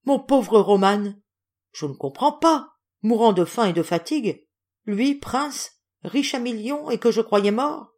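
A woman reading aloud as a gruff, hot-tempered old general, blustering and exclaiming. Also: sits high, lively intonation, normal speed, a little mellow. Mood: astonished.

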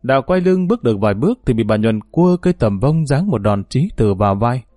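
A man reading a dramatic story aloud as a storyteller, in a steady narrating manner. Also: mid-range voice, a little fast, dry recording, clean studio sound.

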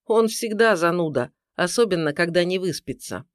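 Narrator as a calm lead detective, firm and measured, lively intonation. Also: male voice, sits high, no echo, studio quality. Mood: level. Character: composed senior male investigator in charge.

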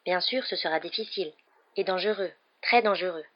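A woman's voice: lowish voice, fairly quick, natural voice. A clever schoolgirl from a storybook, careful and earnest as she lays out her plans, as a woman reading aloud voices her. The recording is dull and lo-fi.

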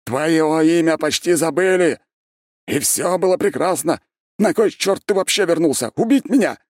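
A deranged ex-emperor roars and bellows , as a man puts him on. The voice sits far above a deep speaking voice and swings wildly, loud and forceful throughout this dry, close audiobook reading. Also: expressive, normal speed, no room sound, close to an everyday voice. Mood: raging. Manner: roaring, bellowing. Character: raging mad male ex-emperor, roaring threats.

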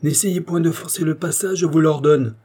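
Male reader as composed king, formal delivery, husky low voice. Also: expressive, warm tone. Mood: commanding. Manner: measured, formal. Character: dignified male king, calm and commanding.

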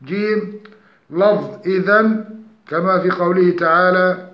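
A man teaching the rules of Quran recitation in a structured, methodical way, reciting example verses slowly. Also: sits high. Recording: echoey room, dull lo-fi sound.

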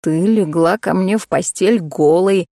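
A woman voicing a blunt, teasing young man in an audiobook, speaking low and unhurried. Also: dark tone, dry recording, clean studio sound. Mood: smug.

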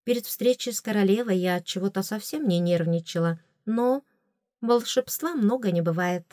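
A woman reading a first-person audiobook in an expressive, wry way. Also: mid-range voice, normal speed, no room sound, studio quality. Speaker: audiobook narrator.

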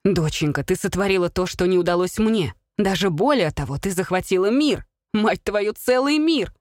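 A woman's voice: fairly low pitch, animated, moderate pace, dry recording, studio quality, natural voice. A woman reading a blustering middle-aged father, a former soldier, who blurts and pleads with his wife. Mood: exasperated.

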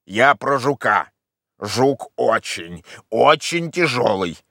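Man playing a simple old manservant, gravelly, plaintive, slow drawl, dry studio audiobook. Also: medium pitch, lively intonation, sharp tone, dry recording, heavily acted. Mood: grumbling. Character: old male servant, simple, timid, grumbling. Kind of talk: audiobook character voice.

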